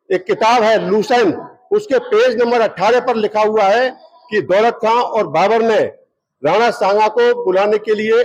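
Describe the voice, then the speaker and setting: A man's voice: high-pitched, dull audio. A man, a party wing's state president, giving an insistent, explanatory statement to reporters.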